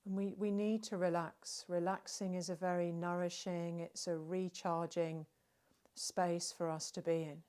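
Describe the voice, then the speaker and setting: A woman's clean, slightly low voice narrates a guided meditation, soothing and gentle as she leads relaxation. She speaks very slowly and evenly, leaving long silences between brief phrases.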